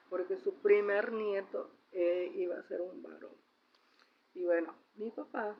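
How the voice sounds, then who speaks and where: A middle-aged woman with a Mexican accent, telling a family story in a casual personal vlog and often tagging her sentences with a questioning "¿no?". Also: mid-range voice. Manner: chatty, ends phrases with a questioning "¿no?". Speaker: vlogger sharing personal reflections. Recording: slightly dull recording with faint noise.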